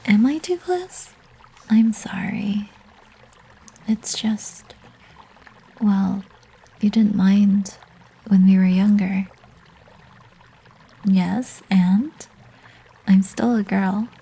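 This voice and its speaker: Woman as a breathy, flirty succubus, ASMR role-play. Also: mid-range voice, extremely slow, pauses often, exaggerated voice, rough recording. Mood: tender, shy. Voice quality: breathy, soft. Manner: teasing, intimate, coaxing.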